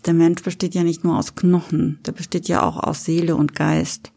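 A woman's voice: deep voice, little pitch movement, normal speed, creaky, warm tone. A woman in casual chat, making her point in a matter-of-fact, argumentative way. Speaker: podcast co-host.

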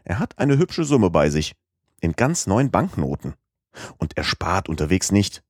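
A man's voice: low-pitched, measured pace, no echo, clean studio sound, heavily acted. A male audiobook reader voicing a chatty, naive young French manservant who talks eagerly and a little proudly. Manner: talkative, excitable, proud.

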